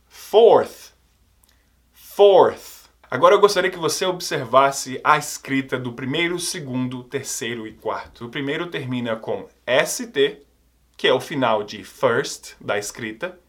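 Guy teaching english pronunciation, slow and careful, says every word twice, kinda high voice. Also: a bit bright. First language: Portuguese. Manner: models each word twice, over-articulated. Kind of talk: pronunciation lesson.

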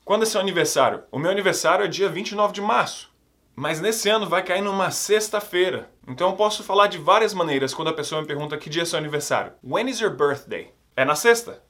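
A man teaching English, quick in his explanations and slow and clear when he models words for repetition. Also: high voice. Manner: drills words slowly for students to repeat; explains quickly in a lively, upbeat way. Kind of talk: online English lesson for Portuguese speakers.

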